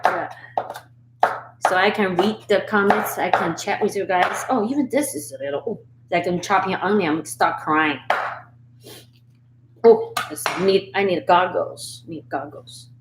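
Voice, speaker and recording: Chopping away in her home kitchen, this Sichuan woman runs a live-stream cooking show and chats with her viewers, laughing a lot; she's a native Chinese speaker from Sichuan, China. She speaks a bit slowly in a lowish voice. The audio comes from a camera and phone rig and has a roomy sound over a noisy background.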